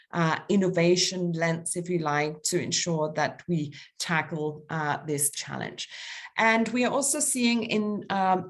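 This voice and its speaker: A woman with a Danish accent giving a formal conference presentation, pausing often with ums and uhs as she works through numbered points. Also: on the low side. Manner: halting, many ums and uhs, lists points. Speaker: conference speaker.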